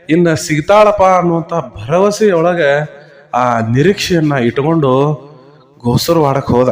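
Guy w telling a devotional tale, pitch a bit high, acts out the lines. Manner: dramatic, acts out the characters' pleas. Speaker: storyteller. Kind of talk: devotional storytelling.

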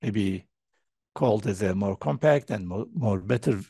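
A man's voice: on the low side, unhurried, creaky, mellow, slightly rough, no room sound. A middle-aged man giving a keynote talk over a video call, hesitant and full of fillers and repeated words. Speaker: keynote speaker. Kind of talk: conference keynote presentation. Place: indoor room, presenting remotely. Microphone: video call webcam.

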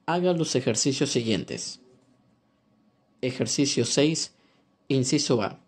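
A man reading an audiobook language lesson aloud in a calm, measured instructional way. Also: mid-range voice, breathy edge. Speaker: language course narrator. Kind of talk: scripted audiobook narration.

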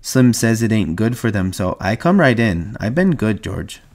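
A man voicing a big, slow, childlike ranch hand in an audiobook, talking in a soft, hesitant, pleading way. The voice is low and quiet, timid and simple. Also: sing-song. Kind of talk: audiobook reading.

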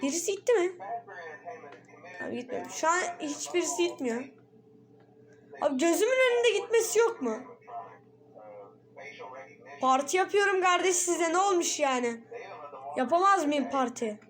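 Brief: high-pitched woman, jittery horror-game let's play commentary, frequent shrieks and curses. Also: lively intonation, normal speed, long pauses. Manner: jumpy, frightened, swears and shrieks often. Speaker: gaming video creator.

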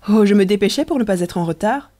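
A reader voicing Riquette, a playful young woman in love, in an audiobook, with a light, eager, mellow voice. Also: medium pitch, expressive, fast, close to an everyday voice. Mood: taquine.

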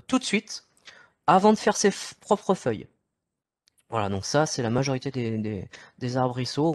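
Presenting slides from home, a French-accented man delivers a casual online nature talk peppered with fillers and false starts. His voice is medium-pitched and a little mellow, recorded on a computer mic with no echo.

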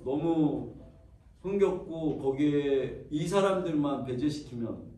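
A man preaching in a loose, chatty way, often pausing on fillers as he talks to a small congregation. His voice is mellow and mid-pitched. It sounds roomy and a little far from the mic, with a faint hiss underneath. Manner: conversational, many pauses and fillers. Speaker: pastor. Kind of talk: informal sermon.

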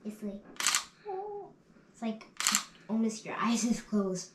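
A woman's voice: mid-range voice, fairly even intonation, slow pace, recorded from a distance. A woman photographing a friend in a bathtub, teasing her and exclaiming in casual chat. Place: bathroom. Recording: echoey room from afar, loud water noise.

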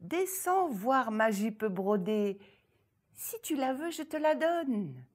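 A woman's voice: fairly high pitch, sing-song, slow pace, voice pushed up, exaggerated voice. A woman playing a one-eyed storybook ogress. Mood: coaxing. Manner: sweetly coaxing turning menacing. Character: sly, greedy one-eyed female ogress.

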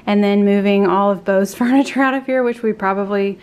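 A woman's voice: medium pitch, brisk, darkish tone, clear, resonant tone. A woman, chatting casually about a home project in a bedroom. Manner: chatty, upbeat, uses y'all. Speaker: home vlogger. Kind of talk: casual chat. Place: bedroom being painted, indoors.

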